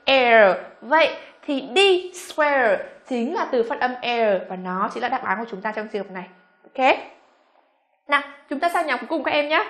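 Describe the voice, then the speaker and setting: Woman, Vietnamese accent, young adult, slightly high voice, pronunciation teacher, slow drawn-out model words. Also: lively intonation, a bit bright. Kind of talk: classroom pronunciation lesson.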